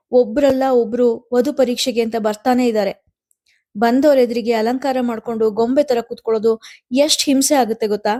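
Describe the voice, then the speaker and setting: A woman voicing an upset young woman in love who talks in a pleading way that turns sharp. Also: fairly high pitch, close to an everyday voice.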